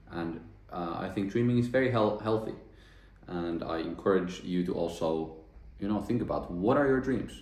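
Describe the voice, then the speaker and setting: Guy talking to camera, low voice, kinda thinking out loud, echoey room. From Finland. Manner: earnest, thinking aloud with frequent restarts. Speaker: self-development vlogger. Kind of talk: reflective monologue to camera.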